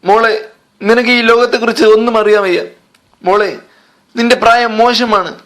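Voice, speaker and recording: A man's voice: very high voice, fairly even intonation, moderate pace, fairly bright tone, a little hiss or hum. A man voicing a strict old mother hen in a comic storytelling act, scolding and fussing over her daughter. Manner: scolding, then fussing tenderly.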